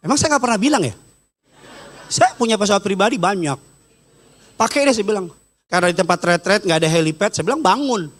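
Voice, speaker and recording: A middle-aged man preaches in a lively, high voice. He jokes and teases his listeners, and he acts out the people he quotes with a sudden rise in his voice. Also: quick pace, pauses often. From Batak. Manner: jokey, teasing asides. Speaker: pastor. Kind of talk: sermon. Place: church stage.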